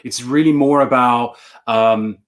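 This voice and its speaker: A man's voice: medium pitch, steady tone, a little slow. A man in his thirties from Sweden, a native Swedish speaker, talking earnestly as a coaching guest on a video call and repeating words as he thinks. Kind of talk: casual video-call interview. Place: bright room at home.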